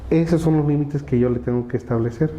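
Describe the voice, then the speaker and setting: A man's voice: a little high, fast talker, warm tone, muffled recording. Man explaining in an echoey room. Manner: explains with lists of examples, tag questions. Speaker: webinar presenter on AI prompts. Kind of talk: conversational webinar explanation.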